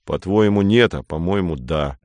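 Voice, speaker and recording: A man's voice: low voice, moderate pace, darkish tone, no room sound, close to an everyday voice. A man voicing Atos, a haughty, lazy boy who answers with cool, polite disdain. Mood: disdainful.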